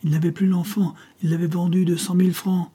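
A man's voice: high voice, flat delivery, a little fast, mellow, breathy edge, voice pushed up. A man reading the part of a cold-blooded male henchman who answers his master in a subdued, deferential way.

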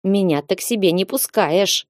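A woman's voice: medium pitch, moderate pace, darkish tone, dry recording, studio quality, close to an everyday voice. Woman reading a drunk, ranting young viscount. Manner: slurring, accusing, ranting.

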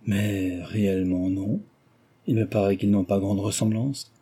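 A man's voice: mid-range voice, dark tone, breathy edge, close to an everyday voice. A man reading aloud, voicing a courteous, composed young heiress who answers politely with dry wit. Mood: hesitant. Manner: polite, measured, dryly witty. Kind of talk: audiobook character reading.

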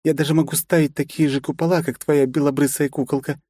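Brief: male reader doing a high, scornful huntress, cold and ready to explode. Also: level tone, quick pace, dark tone, no room sound, studio quality, close to an everyday voice. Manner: cold then shrieking, abusive. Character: fierce adult woman hunter, volatile wife.

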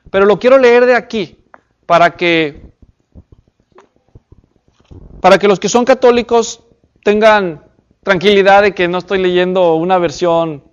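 A man teaching the Bible to a group in sermon style. He checks in with his listeners and reads scripture aloud slowly and deliberately. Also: high voice, clean tone, lo-fi sound. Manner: addresses the audience with questions and check-ins. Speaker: preacher teaching a Bible class.

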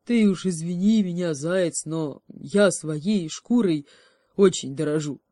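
A woman voicing a smug, cowardly male bear guarding a forest path in a storybook, speaking loudly and boastfully. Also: on the low side, slow pace, no room sound, studio quality. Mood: gruff.

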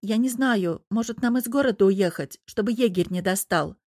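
A woman's voice: medium pitch, moderate pace, darkish tone, no echo, lightly acted. A woman reading an audiobook and voicing a fierce, determined young woman who is close to tears, in a tense, clipped manner. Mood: anxious urgency.

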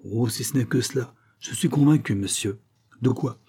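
A man's voice: mid-range voice, normal speed, warm tone, breathy edge. A man voicing a proud, anguished queen in an audiobook, indignant and pleading. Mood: bitter, indignant. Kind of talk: audiobook character reading.

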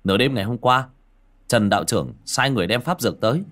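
A man voicing an eager middle-aged prefect in an audiobook, speaking in a hurried, forceful, formal way. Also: medium pitch, animated, natural voice. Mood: awkward, earnest. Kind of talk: audiobook character acting.

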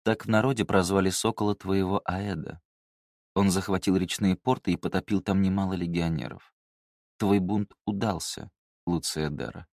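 A haughty mother, cold and clipped, barely holding back rage, read by a man in a low voice; dry audiobook sound. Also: fairly even intonation, normal speed, a little mellow, no echo. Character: haughty scheming woman, a mother, furious.

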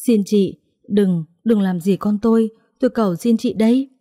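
A woman's voice: medium pitch, moderate pace, mellow, no echo, clean studio sound, natural voice. A woman doing a frightened young pregnant wife. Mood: pleading. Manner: pleading, tearful, desperate.

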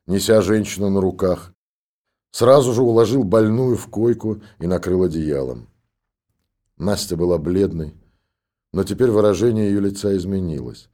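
Low-voiced male audiobook narrator. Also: mellow.

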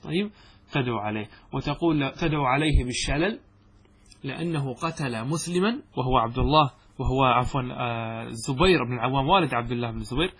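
A man's voice: medium pitch, fast talker, a bit bright, breathy edge. A man teaching Arabic grammar in a classroom lecture, explaining step by step and posing questions to his students that he then answers himself.

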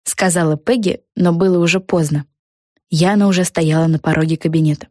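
A woman reading a children's storybook aloud with an expressive, even delivery. Her voice sits a little low and sounds dry and close to the mic. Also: a little fast, no room sound. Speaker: audiobook narrator. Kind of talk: storybook narration.

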